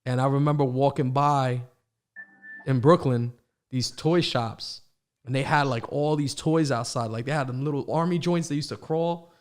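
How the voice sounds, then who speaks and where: Male podcast host, born in Morocco, raised in the States. Relaxed, friendly, chatty. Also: mid-range voice. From born in Morocco, raised in the United States. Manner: relaxed, friendly, quick affirmations and "bro". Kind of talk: casual podcast conversation.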